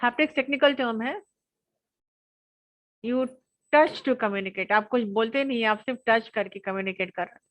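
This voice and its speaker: A young adult woman giving an online college lecture, lively and often laughing as she acts out examples with her voice. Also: a little high, normal speed, pauses often, no room sound.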